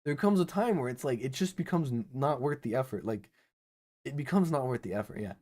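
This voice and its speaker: A man's voice: medium pitch, lively intonation, fairly quick, darkish tone. A young man hosting a reaction commentary, ranting incredulously with stumbling restarts and repeated words. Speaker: online video host.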